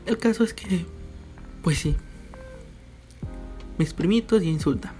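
A man's voice: high-pitched, takes it slowly, warm tone, faint music behind. A young man with a Mexican Spanish accent, talking casually in a joking monologue with quoted voices. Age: young adult.

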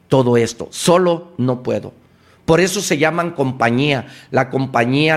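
A man's voice: medium pitch, vocal fry, a bit bright. A man giving a motivational talk, driving points home with emphatic, repeated exhortations. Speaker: motivational speaker.

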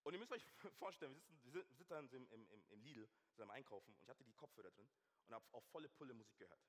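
A man preaching a sermon, shifting from hushed intensity to loud, animated storytelling. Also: mid-range voice, very fast. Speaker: pastor. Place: church hall. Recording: long church hall reverb.

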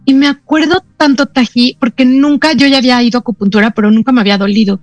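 A woman with a Mexican Spanish accent hosting a radio talk show, telling anecdotes in a lively way with quick asides. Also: on the high side, no echo. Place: radio studio.

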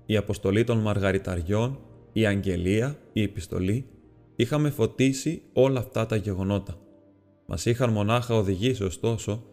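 Man, audiobook narration, steady and measured, faint music underneath. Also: on the low side, in a large hall. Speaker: audiobook reader.

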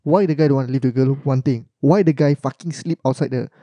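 A man, co-hosting a casual podcast, loud and laughing and swearing a lot. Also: mid-range voice, fast talker, no echo, muffled recording. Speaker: podcast co-host.

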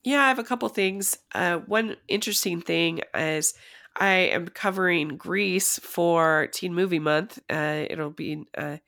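A woman co-hosting a podcast in casual, jokey chat, her voice hoarse from a cold. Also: lowish voice, a little slow, a bit bright. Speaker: podcast co-host.

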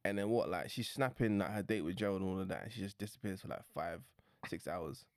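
A man's voice: deep voice, quick pace, darkish tone, dry recording. A young man with a London roadman accent, telling things casually in slang and repeating himself as he goes. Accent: London, urban street slang. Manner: slangy, repetitive storytelling. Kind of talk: casual banter in a group discussion.

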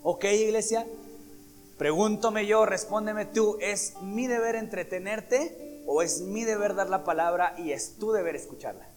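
A man's voice: high-pitched, a little slow, soft background music. A man preaching a sermon, emphatic and asking the congregation questions. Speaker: pastor.

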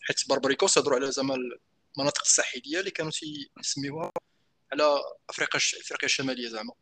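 A podcast co-host with a Moroccan accent rambles through a casual chat, often restarting his sentences. His mid-range voice races along, sounding pushed and bright, over faint background noise.

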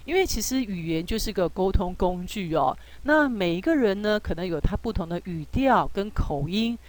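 A woman teaching English phonics in a relaxed, patient way, with many drawn-out fillers and reassuring asides. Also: mid-range voice. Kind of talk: relaxed spoken lesson.

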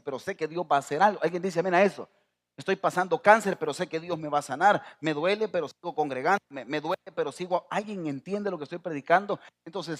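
A middle-aged man from El Salvador with a Salvadoran accent, preaching a sermon as pastor, rising to near-shouting and calling out to the congregation. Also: on the high side. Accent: Salvadoran Spanish.

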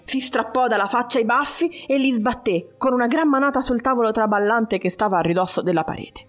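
A narrator reading a novel aloud in measured, even storytelling, with faint music behind. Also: mid-range voice. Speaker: audiobook narrator. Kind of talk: scripted narration.

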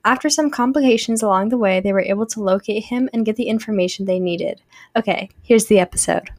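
A woman hosting a fiction podcast, reading the story aloud in a plain, steady scripted narration. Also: medium pitch, quick pace, no room sound, clean studio sound.

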